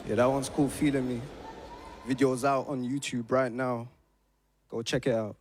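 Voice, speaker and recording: A man from London, a rapper, chatting casually with a relaxed, slangy manner. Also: medium pitch, normal speed, soft background music. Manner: laid-back, slangy. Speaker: performing rapper. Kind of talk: casual chat after a performance. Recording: noisy line with clicks.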